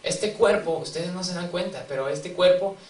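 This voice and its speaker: A male preacher tells stories and asks his congregation questions in an easy, conversational way. His voice sits a little high and is picked up from afar in a reverberant church, with a faint room hum behind him. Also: moderate pace. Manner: conversational storytelling, acting out quotes, asking the congregation questions. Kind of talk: sermon. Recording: distant mic in a reverberant church, faint ambience.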